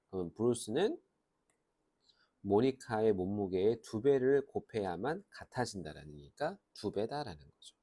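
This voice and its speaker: A man's voice: mid-range voice, mellow, husky. A man teaching a grammar lesson, explaining step by step and asking and answering his own questions. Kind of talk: lecture.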